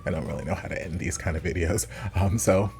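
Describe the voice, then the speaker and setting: A man with a low voice and an American accent talks casually to his viewers like a food vlogger. He rambles informally, thinking out loud as he goes, with light music underneath. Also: fairly even intonation, fast talker, gravelly. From United States. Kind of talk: casual rambling chat to camera.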